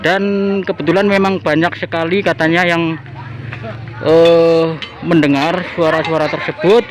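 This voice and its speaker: A man's voice: a little high, little pitch movement, unhurried, low-quality recording. A man giving a folksy, repetitive on-location report to his viewers, recorded outdoors in a village neighborhood. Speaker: vlogger reporting on site.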